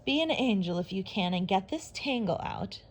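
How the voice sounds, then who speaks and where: A woman's voice: medium pitch, expressive, normal speed, lightly acted. A woman voicing a snooty young mermaid who sniffs and gives orders. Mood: haughty. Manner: sniffy, imperious. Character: haughty, bossy young mermaid.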